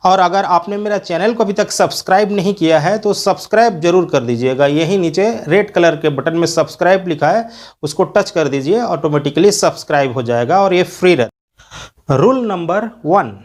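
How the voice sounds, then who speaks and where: Indian man spelling out English words. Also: sits high. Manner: patient teaching, spells words out letter by letter. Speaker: English grammar teacher. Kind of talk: video lecture.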